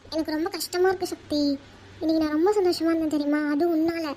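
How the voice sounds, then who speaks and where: A woman voicing a young woman in love in a cartoon, who speaks softly and hesitantly. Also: extremely high pitch, steady tone, fast talker, slight background noise. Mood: worried. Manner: soft, hesitant speech. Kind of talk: cartoon voice acting.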